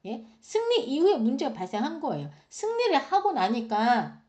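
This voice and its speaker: A woman gives an animated Bible teaching with a lively, swinging voice that sits a little high. She keeps asking her listeners questions as she goes. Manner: acts out quoted voices with big pitch jumps. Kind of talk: Bible study talk.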